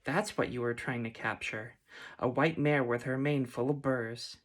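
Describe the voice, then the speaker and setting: A man voicing a proud, ancient female unicorn with a haughty, lofty manner, in a soft whispered role-play. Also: mid-range voice, fairly even intonation, a little slow. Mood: indignant. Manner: indignant, lofty.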